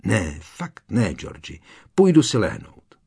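A man's voice: lowish voice, big pitch swings, breathy edge. A man voicing an exasperated teenage boy wizard in an audiobook, protesting insistently. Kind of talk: audiobook character reading.

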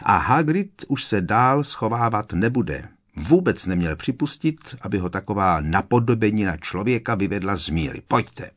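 A man's voice: lowish voice, lively intonation. A man voicing a fiery, indignant teenage schoolgirl who talks in an agitated, raised voice. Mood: furious.

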